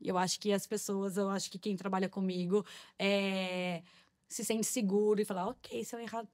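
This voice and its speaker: A woman's voice: medium pitch, level tone, normal speed, a little mellow. A woman marketing manager, a guest on a podcast interview, speaking in an upbeat, earnest way. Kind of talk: casual interview chat.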